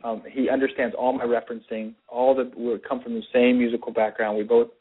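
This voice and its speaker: A man's voice: medium pitch, flat delivery, fairly quick, husky. A man, a film director, talking enthusiastically in a radio interview. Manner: enthusiastic, effusive praise. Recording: tinny phone-like radio audio.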